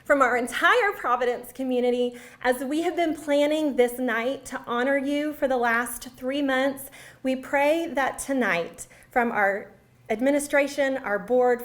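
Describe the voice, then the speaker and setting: A woman's voice: a little high, fairly bright tone. A middle-aged woman co-hosting a live charity fundraiser, speaking to the viewers.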